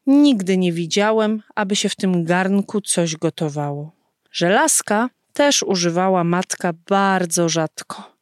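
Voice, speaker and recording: A woman reading a story aloud slowly and expressively, giving the characters' lines their own voices. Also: medium pitch, a little mellow, no echo, clean studio sound. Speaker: narrator.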